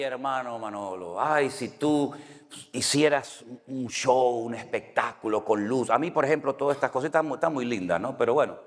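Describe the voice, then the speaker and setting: Man, Canary Islands Spanish accent, pastor, storytelling sermon, mid-pitched voice, long hall echo. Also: slight background noise. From Spain. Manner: storytelling, asks the congregation "right?" often. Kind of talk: conversational sermon.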